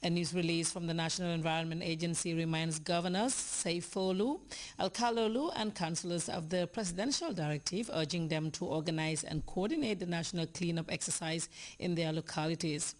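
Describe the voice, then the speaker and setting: Low-voiced Gambian news anchor woman. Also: a little fast. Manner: steady, formal delivery. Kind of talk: scripted news reading.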